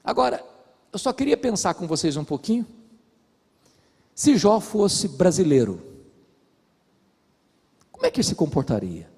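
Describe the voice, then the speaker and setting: Man preaching in a church, gravelly, husky, long echoing reverb, lively storytelling. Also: sits high, a little slow, long pauses. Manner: storytelling preacher, acts out dialogue. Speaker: pastor. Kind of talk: sermon.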